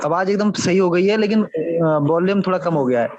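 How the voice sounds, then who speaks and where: A man's voice: high-pitched, a little fast, darkish tone, muffled recording, a little hiss or hum. A man on a video call politely giving sound feedback to the host, calling him sir. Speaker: meeting participant.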